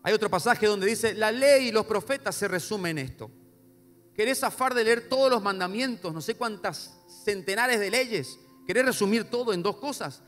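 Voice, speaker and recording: A male pastor preaching a sermon, swinging between soft low asides and loud emphatic repetition. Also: normal speed. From Paraguay. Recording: long hall reverb with faint music.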